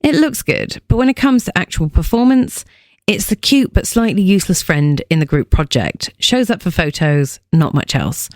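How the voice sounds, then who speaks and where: A woman's voice: fairly low pitch, expressive, moderate pace, dry recording, studio quality. A woman fitness coach hosting a scripted podcast explainer, delivering punchy lines with playful joking asides.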